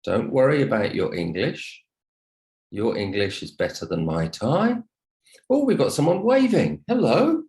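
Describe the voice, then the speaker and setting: On an online video call, a man teaches English to his students, politely encouraging them and thanking them often. His medium-pitched voice is sing-song and a little mellow, and he speaks a little slowly.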